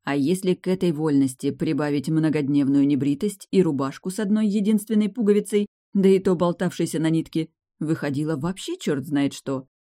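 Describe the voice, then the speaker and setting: A narrator reading a novel aloud in an even, measured storytelling voice, voicing all the characters. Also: mid-range voice.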